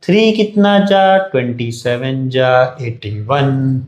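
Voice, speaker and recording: A man's voice: mid-range voice, takes it slowly, a little mellow, echoey room. A male math teacher coaching a class, counting aloud step by step, teasing his pupils and asking their questions for them. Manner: voices students' questions himself, then answers them.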